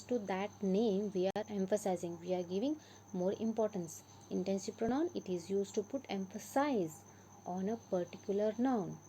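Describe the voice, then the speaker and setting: A woman with an Indian English accent teaches a grammar lesson in a patient, repeating way, pressing hard on the key words of each example. Her voice is mellow and warm, sitting at an ordinary pitch for a woman. A faint hum runs under the recording. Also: rough recording.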